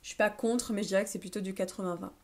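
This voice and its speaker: A woman life coach talks one-on-one to her viewer, speaking casually and informally. She lists her points step by step and often pauses on small fillers as she thinks aloud. Her voice sits at an ordinary middle pitch. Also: steady tone, darkish tone. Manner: informal, addresses the listener as tu, many filler pauses. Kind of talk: self-help video talk to the viewer.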